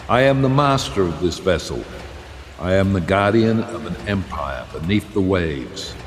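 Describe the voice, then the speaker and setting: A man voicing an ominous, commanding submarine captain in an audio drama, speaking slowly and gravely. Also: low-pitched, lively intonation, a little hiss or hum. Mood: grave, imperious. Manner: slow, grave, declamatory. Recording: long reverb, faint ambience.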